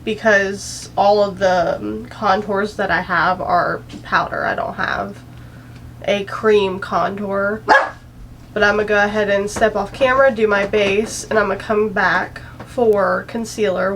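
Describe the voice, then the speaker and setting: A woman's voice: mid-range voice, steady tone, a little slow, fairly bright tone, a little hiss or hum, rough recording. Chatty young woman giving a makeup tutorial. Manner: chatty, self-deprecating, rambling with asides. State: anxious, a little out of breath. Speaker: beauty vlogger.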